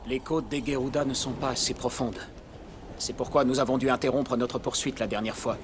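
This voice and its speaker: A man's voice: medium pitch, fairly even intonation, brisk, noisy background, natural voice. A man playing a grave, formal admiral devoted to his duty in a dubbed film. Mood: measured, earnest. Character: grave, formal Chinese admiral sworn to protect a princess. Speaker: film voice actor. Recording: film soundtrack with music behind.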